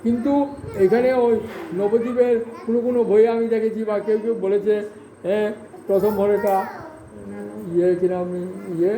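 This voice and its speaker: A man telling a devotional story in a halting way, filling pauses and searching for words. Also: sits high, flat delivery, warm tone, reverberant, poor audio.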